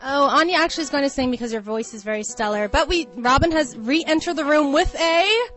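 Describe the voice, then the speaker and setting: Giggly high-voiced woman hosting a party. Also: a little fast, fairly bright tone, faint music behind. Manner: giggly, exuberant, rambling. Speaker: host. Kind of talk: casual party chat. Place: crowded apartment party. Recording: noisy house party crowd. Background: party chatter.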